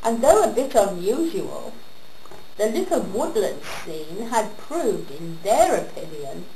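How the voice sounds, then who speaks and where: A female monologue performer recites a comic rhyming piece in an echoey room with some background noise. Her theatrical, unhurried delivery features deliberate pauses and lively swoops of pitch.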